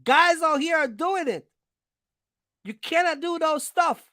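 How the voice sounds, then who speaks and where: With a very high-pitched, slightly bright voice and an unhurried pace, a woman offers trucking advice on her channel. The explainer is casual, blunt, and emphatic, packed with slang and repetition, with no room sound.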